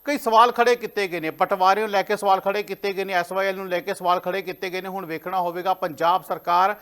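A male news anchor wraps up a report in a crisp, measured newsreader manner. His voice is high and bright, cutting cleanly. Steady studio delivery. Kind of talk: news wrap-up.

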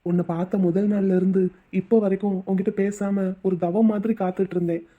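A woman voicing a devoted rich young man in a cartoon drama, husky and pleading. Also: medium pitch, steady tone, brisk, lightly acted. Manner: pleading, tender. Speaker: voice actor. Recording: tinny phone-like audio.

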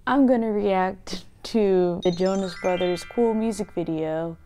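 A woman's voice: mid-range voice, a little slow, mellow, faint music behind. A woman in her twenties, hungover and tired, chatting casually and listlessly as she hosts a reaction video. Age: 20s. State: hungover, exhausted, with a headache. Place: small indoor room at home.

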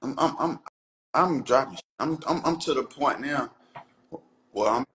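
A man's voice: mid-range voice, a little slow, fairly bright tone, a little hiss or hum. A man acting as a label boss in rowdy live-stream banter, bossy and demanding.

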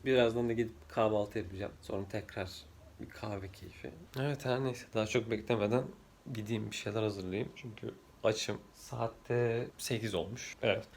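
A drowsy man chatting casually in a rambling vlog, his voice rough from just waking up, with slightly muddled L and R sounds. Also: fairly low pitch, fairly even intonation, normal speed, darkish tone, slight background noise. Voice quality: trouble pronouncing L and R sounds. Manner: sleepy, rambling, jumps between topics. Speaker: vlogger.

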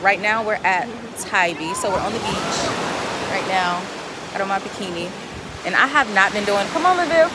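A vlogger in her late twenties walks along a beach by the sea, chatting casually to her phone camera held at arm's length for a travel vlog. Her medium-pitched voice has lively intonation and a moderate pace. Loud wind and surf noise fill the recording.

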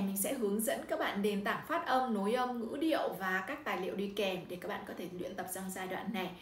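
A Vietnamese-accented woman tutor giving an instructional language-learning talk, animated and exaggerating intonation when demonstrating. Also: medium pitch. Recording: echoey room, somewhat distant mic, faint noise.

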